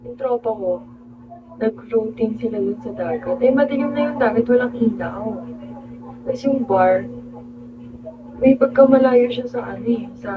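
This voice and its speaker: Woman livestreamer on a tinny phone line. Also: a little high. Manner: animated storytelling, greets viewers mid-story. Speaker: livestream host. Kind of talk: casual storytelling livestream. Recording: tinny phone-like audio with hum.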